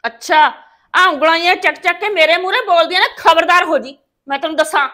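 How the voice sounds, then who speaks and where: A woman's voice: very high-pitched, sharp tone. A woman playing a bossy, scolding mother-in-law. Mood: berating. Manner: scolding, mocking, quick to insult. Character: sharp-tongued, bossy village mother-in-law. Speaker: domineering mother-in-law in comic drama.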